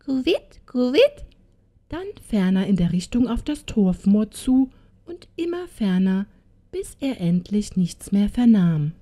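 A woman narrating a fairy tale audiobook in a slow, expressive way. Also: mid-range voice.

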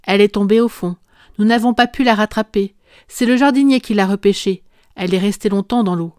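A woman's voice: mid-range voice, fairly quick, darkish tone, smooth, no echo, clean studio sound, lightly acted. A woman reading an audiobook voices an impulsive, stubborn little girl who speaks eagerly and insistently. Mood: ashamed.

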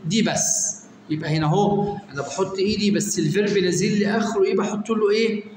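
A young Egyptian man with a high voice runs an English revision lesson. He questions students by name and answers himself. His voice rings in a roomy space with a long tail and a faint hiss underneath. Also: fairly even intonation, quick pace, darkish tone. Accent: Egyptian Arabic. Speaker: English teacher. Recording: echoey room with long reverb, faint noise.

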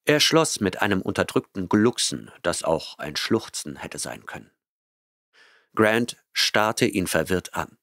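A man narrating a science-fiction audiobook in a measured, even storytelling manner on a close studio mic. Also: deep voice, dry recording. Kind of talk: scripted narration.

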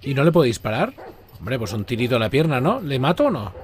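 A mid-pitched man, talking through a live game stream. He reacts loudly, swears and keeps up a steady running commentary. A faint hiss sits under the recording. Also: fast. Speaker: streamer playing a video game.

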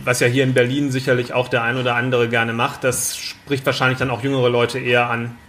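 A man's voice: mid-range voice, flat delivery, fairly quick, fairly bright tone, slight background noise. A man hosting a podcast, talking casually and asking long, curious follow-up questions. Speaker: podcast host. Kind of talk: casual interview talk.

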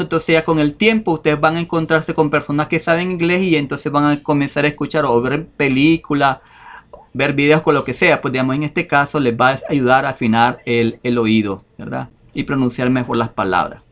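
A man teaching English vocabulary over a screen share, talking in a slow, hesitant way with many fillers. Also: on the high side, fairly bright tone.

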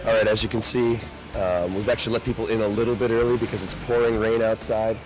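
A man's voice: fairly low pitch, little pitch movement, fast, loud music behind the voice, rough recording. A man in his thirties hosting a walkthrough of a crowded warehouse sale, upbeat and salesy. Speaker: host. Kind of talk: event walkthrough and vox-pop interviews. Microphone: handheld mic.

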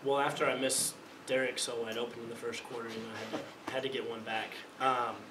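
A young college quarterback fields postgame questions at a press conference, his medium-pitched voice level and brisk as he keeps restarting and repeating words. He speaks into a table mic in an indoor press room. The recording is echoey, with the mic at a distance and background noise.

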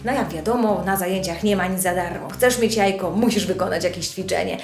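A woman speech therapist walks parents through simple children's games in a friendly, explanatory tone. Her voice sits at an ordinary pitch and rings in a roomy, echoey space. Soft music plays faintly behind her. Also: a little fast. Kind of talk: instructional video presentation.

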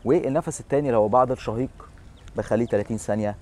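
A man's voice: medium pitch, racing, darkish tone. A man in his thirties with an Egyptian Arabic accent, presenting an informal fitness explainer to camera. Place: outdoor seafront bench in a city. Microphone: lapel.

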